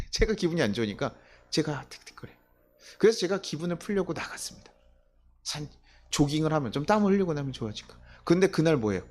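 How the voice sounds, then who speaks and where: A male pastor delivers a sermon in a church, his pitch rising and falling in a very animated way. He talks to the congregation in an easy, conversational manner, firing off rhetorical questions and chuckling at his own stories. His voice sits at an ordinary middle pitch for a man.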